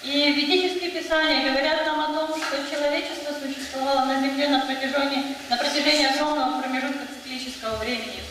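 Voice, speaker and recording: A woman's voice: high-pitched, fairly even intonation, quick pace, few pauses. A woman interpreting a public lecture consecutively, delivering it in short phrases. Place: museum lecture hall. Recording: echoey hall, distant mic, noisy.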